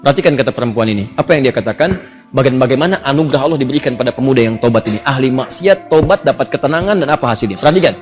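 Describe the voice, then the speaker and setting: A man preaching a storytelling sermon in a lively way, voicing the characters and asking the congregation questions. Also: very fast, faint music behind. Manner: lively, jumps to high voices for characters, asks the audience questions.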